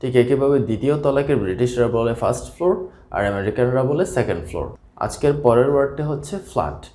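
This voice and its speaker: A man from Bangladesh teaching a scripted English vocabulary lesson, steadily repeating each key word slowly. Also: mid-range voice, lively intonation, warm tone. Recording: echoey room.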